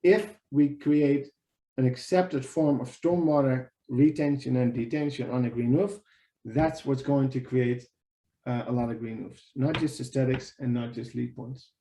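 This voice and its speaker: A Dutch man in his thirties from the Netherlands presents casually as a webinar presenter on a video call, talkative and often repeating words, with a Dutch accent. His medium-pitched voice is steady and dark-toned at a measured pace. He uses a video call webcam in an echoey room.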